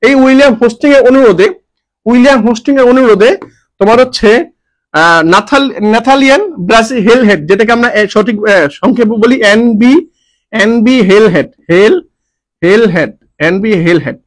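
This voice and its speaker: A man's voice: very high-pitched, normal speed. A man teaching a grammar lesson online, repeating each point, asking and answering his own questions, with jokes and homely dialect forms.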